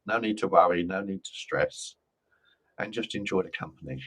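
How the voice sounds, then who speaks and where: A man doing live psychic card readings in a gentle, reassuring and jokey way. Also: deep voice, normal speed. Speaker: psychic reader.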